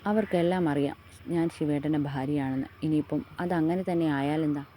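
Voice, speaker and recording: A woman voicing a shy, emotional young wife in an audio love story, speaking gently. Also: deep voice, brisk, slight background noise, lightly acted. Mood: wistful.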